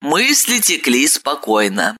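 A woman narrating an audiobook chapter in a measured, expressive reading voice. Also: rumbling low. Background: faint music.

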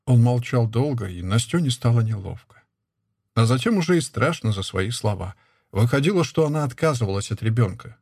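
A man narrating a literary novel in a measured, even storytelling manner. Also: medium pitch, breathy edge, no echo, clean studio sound.

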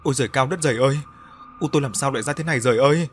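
A man voicing a grieving eldest child who wails loudly over a dead mother, in an audio horror story. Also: mid-range voice, rapid-fire, slight background noise, lightly acted. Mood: wailing grief. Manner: loud wailing lament.

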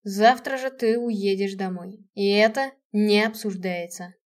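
A woman's voice: mid-range voice, steady tone, measured pace, lightly acted. A woman voicing a cold, stern dead male general who speaks harshly and curtly. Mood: grim. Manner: harsh, clipped, curt.

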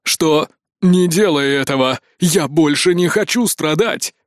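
A man voicing a tired, disillusioned male artificial intelligence who speaks slowly and flatly in an audiobook. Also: dry recording, studio quality, close to an everyday voice. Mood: pleading. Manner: slow, low and tired. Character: weary disillusioned male AI, cold and resigned.

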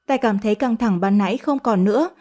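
A woman narrating an audiobook story in a gentle, measured way. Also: mid-range voice.

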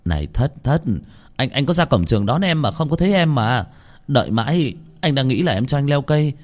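A young boyfriend with a teasing streak coaxes his girlfriend in a narrated ghost story, as a male reader plays him. His delivery bounces with lively pitch. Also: normal speed, breathy edge. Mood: pleading. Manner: coaxing, soft then pleading.

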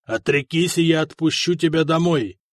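A man voicing a booming cruel prefect. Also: normal speed, no room sound, clean studio sound, lightly acted. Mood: commanding. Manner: booming, commanding. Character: imperious bearded male prefect, cruel and thunderous.

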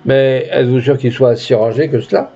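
A man's voice: medium pitch, warm tone, dull audio, close to an everyday voice. A man doing a dignified, doubtful small-town mayor. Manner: measured, murmured doubts.

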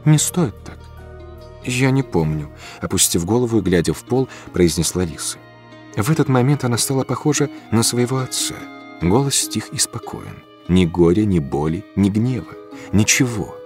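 A man narrating a story in a calm, measured audiobook reading. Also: on the low side, faint music behind. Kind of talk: scripted first-person narration.

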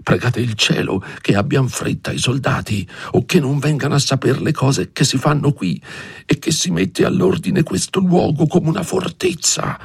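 A man's voice: lowish voice, very animated, moderate pace, breathy edge, dry recording, clean studio sound, pitched above the performer's own voice, exaggerated voice. Man voicing a jittery old priest hissing rebukes. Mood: fearful scolding. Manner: anxious hushed scolding. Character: frightened fussy old male village priest.

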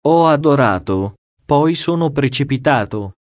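A tormented male ghost of a dead sinner, as a man reading an audiobook puts him on. He answers in a few clipped words, very slowly, in a dry, close sound. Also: medium pitch, lively intonation, no room sound, pitched above the performer's own voice, close to an everyday voice. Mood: mournful.

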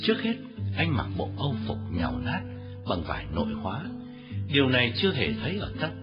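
A man narrating a story with a very expressive, varied delivery. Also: mid-range voice, a little fast. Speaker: audiobook narrator. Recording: dull lo-fi audio with faint music.

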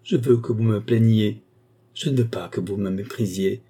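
A man's voice: fairly low pitch, fairly even intonation, normal speed, warm tone, husky. A man voicing a desperate young governess who pleads in a broken, sobbing voice. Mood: pleading. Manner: pleading, breaking voice.

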